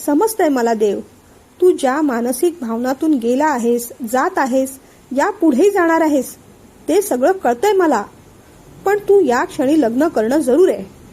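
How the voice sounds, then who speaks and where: A woman voicing a calm older man who patiently explains and soothes his friend. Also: high-pitched, measured pace. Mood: calm, persuasive. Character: calm older male friend and family elder.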